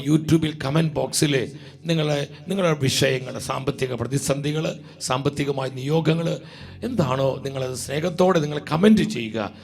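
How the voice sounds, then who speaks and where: A man with a Malayali accent preaching a sermon, slow and drawn out, with emphatic repetitions. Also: high voice, vocal fry, a bit bright.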